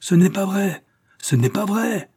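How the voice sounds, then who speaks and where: A man's voice: high voice, lively intonation, a little slow, mellow, breathy edge, no room sound, studio quality, voice pushed up, heavily acted. A man voicing a grieving, desperate elderly father, a duke, crying out in pain. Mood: anguished. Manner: crying out in raised, pained outbursts.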